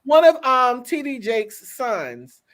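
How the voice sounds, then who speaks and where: Woman, co-host, casual chat, animated, laughing. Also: high-pitched, slow, over a noisy crowd. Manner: animated, laughing, talks back to the audience.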